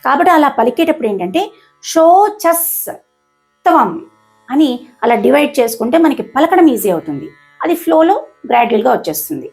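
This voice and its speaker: A woman hosting a lesson, explaining verse pronunciation slowly and carefully, syllable by syllable, with English words mixed in. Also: high-pitched, big pitch swings, gravelly, darkish tone, faint music behind. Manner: mixes English words into the talk. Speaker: host and Gita teacher.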